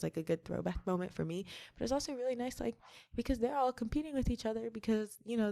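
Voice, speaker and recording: A woman's voice: mid-range voice, vocal fry, darkish tone. A woman in her twenties, a college student guest on a podcast, chatting casually, filling her talk with "like" and poking fun at herself. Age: 20s. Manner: chatty, heavy use of "like", playful self-mocking. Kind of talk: casual interview chat.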